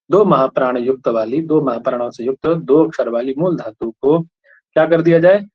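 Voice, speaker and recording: Questioning male teacher, lo-fi sound. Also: medium pitch. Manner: keeps questioning students and checking they understand. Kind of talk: classroom lecture. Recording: dull lo-fi recording.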